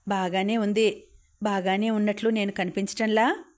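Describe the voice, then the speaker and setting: A woman voicing a kindly, grateful older gentleman who speaks gently, in an audiobook reading. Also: mid-range voice, level tone, moderate pace, close to an everyday voice. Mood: gentle concerned.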